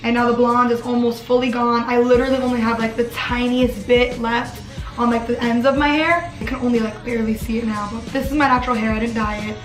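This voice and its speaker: A woman's voice: on the high side, fairly even intonation, quick pace, echoey room, soft background music, poor audio. A woman in her twenties chatting casually in her dorm room as a vlogger, filling her talk with "like". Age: 20s. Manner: chatty, lots of "like" fillers. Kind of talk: casual chat.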